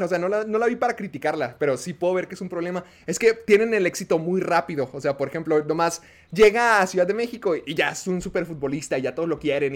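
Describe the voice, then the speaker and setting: A man with a Mexican accent, a podcast host giving a rambling, casual film review with many fillers. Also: high-pitched.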